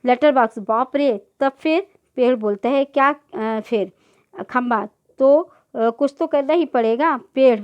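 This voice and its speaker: A woman's voice: a little high, a little mellow. Woman teacher reading a play aloud. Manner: voices each character's lines in turn. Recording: dull lo-fi recording.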